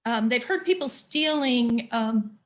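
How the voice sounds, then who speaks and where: Female talk host, slightly high-pitched, chatty and easygoing. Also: animated, slow pace. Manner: chatty, reads viewer comments aloud. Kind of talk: casual interview chat.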